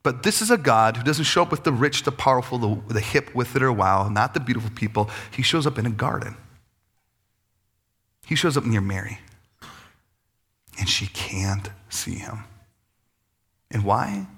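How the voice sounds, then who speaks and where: A man's voice: medium pitch, animated, brisk, a bit bright, husky. A man preaching a conversational sermon, acting out little quoted voices as he goes. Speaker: pastor.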